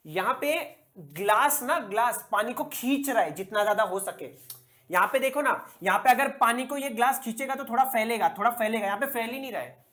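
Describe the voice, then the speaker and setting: A man's voice: very high-pitched, lively intonation, a little fast, fairly bright tone. Man teaching physics, quizzing his class. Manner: poses questions and answers them himself, repeats key words. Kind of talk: classroom lecture.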